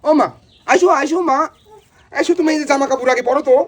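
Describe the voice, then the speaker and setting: A woman's voice: high voice, fast talker. A woman speaking in a tender, coaxing way, often repeating endearments and asking "understand?" in an affectionate home vlog. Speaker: farmer vlogger.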